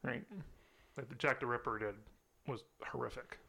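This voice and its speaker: A man's voice: medium pitch, fairly even intonation, moderate pace, vocal fry, bright, forceful tone, husky. A man co-hosting a casual film podcast, chatty and laughing often as he quizzes his co-host.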